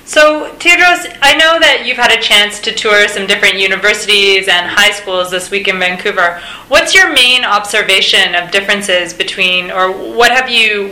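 A woman's voice: medium pitch, pushed and bright, roomy sound, low-quality recording. A woman hosting an interview, speaking fluently and in a friendly way. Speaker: host, public engagement officer.

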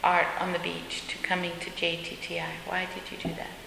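A woman's voice: fairly low pitch, monotone, fairly quick, creaky. A woman conducting a casual interview in a chatty way, often turning answers back into questions. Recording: echoey room, faint hiss.

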